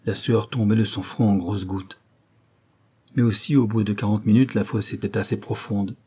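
A man reads a novel aloud in steady, measured narration. His voice is low and mellow, with a dark tone. A husky grain runs under it. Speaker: audiobook narrator.

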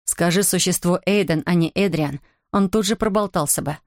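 A woman narrating a fantasy novel aloud with an even, measured storytelling delivery. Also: fairly low pitch, dry recording, studio quality. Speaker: audiobook narrator. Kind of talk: scripted narration.

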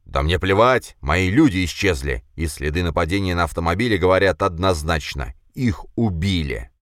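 A man voicing a fat, hot-tempered middle-aged man who shouts threats and curses in an audiobook. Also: low-pitched, animated, moderate pace, no room sound, studio quality. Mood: enraged.

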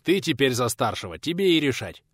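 A male narrator voicing a gruff, irritable elderly pensioner in an audiobook, speaking brusquely and with command. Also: medium pitch, big pitch swings, brisk, a bit bright, no echo.

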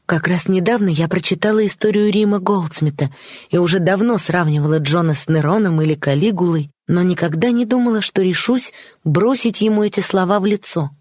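A woman narrating a classic novel in the first person, steady and expressive. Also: fairly low pitch, a little fast, dry recording, clean studio sound. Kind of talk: audiobook narration.

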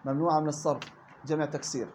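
A man with a Levantine Arabic accent teaching a Quran recitation class, explaining points in everyday speech and quizzing his students with quick questions. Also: a little high, fairly even intonation, slight background noise. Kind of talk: classroom lesson.

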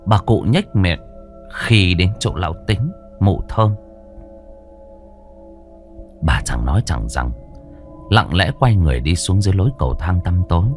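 A man narrating a ghost story with a dramatic, drawn-out delivery. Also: deep voice, expressive, faint music behind.

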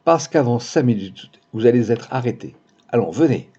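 A man's voice: medium pitch, expressive, moderate pace, dark tone, breathy edge. A man voicing a bold, commanding young blond countess in an audiobook, urgent and imperious in manner. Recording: dull lo-fi recording.

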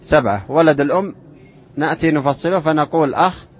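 Guy teaching a class, bit high voice, recites verse slow then quizzes students, muffled lo-fi recording. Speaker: sheikh teaching inheritance law. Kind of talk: classroom lesson explaining a poem.

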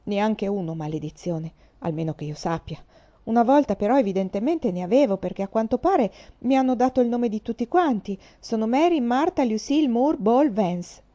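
A cocky orphan girl of about twelve, voiced high and bright above the reader's own tone by a woman reading a storybook aloud. She brags and curses with a defiant edge, and the audio comes across slightly dull and lo-fi. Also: animated, normal speed, close to an everyday voice. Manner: defiant, brash, cursing.

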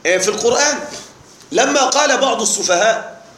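A man's voice: very high-pitched, animated, brisk, a bit bright, echoey room. A man teaching an Arabic grammar lesson to a live class, explaining patiently, repeating key words and checking that the students are following.

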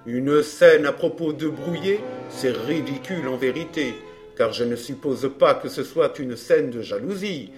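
A man voicing a smug, scheming fake baron, smooth and mocking in an audiobook drama. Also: medium pitch, a little slow, music in the background, natural voice.

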